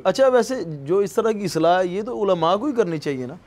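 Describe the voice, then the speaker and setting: A man's voice: high voice, lively intonation, a little mellow. A man hosting a studio interview, asking his questions politely and deferentially. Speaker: studio host.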